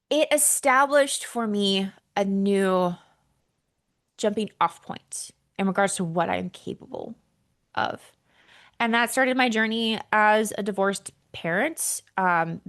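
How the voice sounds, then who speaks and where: A woman's voice: on the low side, vocal fry. Woman, 30s, solo podcast host, candid storyteller, casual and frank. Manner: candid, animated, casual swearing. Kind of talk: personal storytelling monologue.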